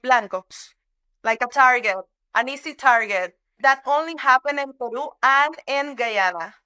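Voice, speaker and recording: A woman's voice: high voice, measured pace, bright, forceful tone, smooth. A young woman with a Venezuelan Spanish accent, a podcast guest speaking English as a second language and sometimes searching for words. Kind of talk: conversational interview.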